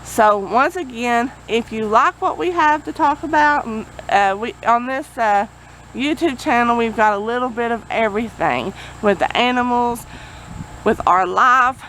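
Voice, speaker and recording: A woman's voice: on the high side, measured pace, fairly bright tone, poor audio. A woman gives a casual vlog update outdoors in a folksy, rambling way, talking over generator and vehicle noise. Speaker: vlogger. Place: outdoors near a road. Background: generator and passing vehicles.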